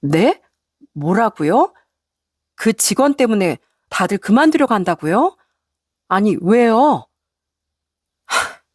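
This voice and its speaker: A woman's voice: medium pitch, a little mellow, no echo, clean studio sound. A woman voicing a polite young female clinic employee, earnest and respectful as she complains.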